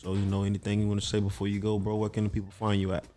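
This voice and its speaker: A man hosting a casual radio interview, relaxed and full of slangy banter. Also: on the low side, very fast. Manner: laid-back slangy banter, lots of "word" and "bro". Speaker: radio show host.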